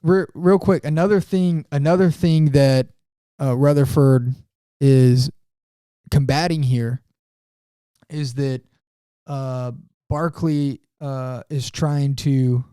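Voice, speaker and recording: Halting, mellow-voiced male podcast co-host. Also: medium pitch, fairly even intonation, clear, resonant tone, no room sound, studio quality. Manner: halting, many fillers and restarts. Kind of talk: casual theology discussion.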